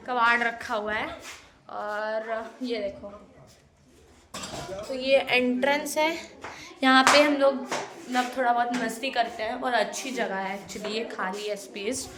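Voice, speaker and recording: A woman's voice: fairly high pitch, unhurried, a crowd in the background. A young woman vlogging a casual home tour, chatting playfully to viewers while she walks through a family house. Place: family house, indoors and courtyard. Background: family members talking around her.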